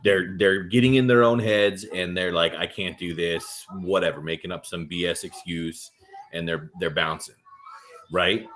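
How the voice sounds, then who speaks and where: A man's voice: low-pitched, moderate pace. A man hosting a casual podcast about armwrestling, talking in a loose, profane storytelling way. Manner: profane, animated storytelling with acted quotes.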